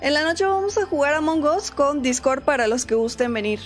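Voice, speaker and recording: A woman's voice: sits high, animated, a little fast, soft background music. A woman with a Mexican accent streaming a game from home, chatting casually and greeting viewers by name. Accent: Mexican Spanish. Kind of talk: casual live-stream chat.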